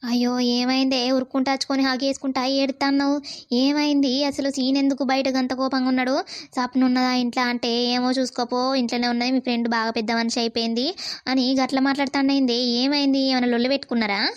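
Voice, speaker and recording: Woman plays a concerned young cartoon friend, Telangana accent, even tone, dry dull sound. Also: high-pitched, quick pace, no room sound, natural voice. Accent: Telangana Telugu. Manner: concerned, advising.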